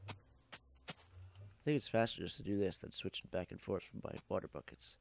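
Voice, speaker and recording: A young man with a deep, slightly bright voice and vocal fry speaks at a moderate pace, coughing because he's sick. In casual let's-play commentary, he rambles and jokes, swears freely and corrects himself mid-sentence.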